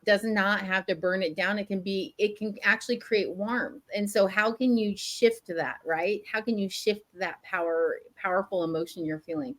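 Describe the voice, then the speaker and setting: A woman's voice: medium pitch, fairly bright tone. A woman co-hosting a business podcast, talking in a friendly, conversational way and often checking in with "right?". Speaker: podcast co-host. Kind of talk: casual podcast chat.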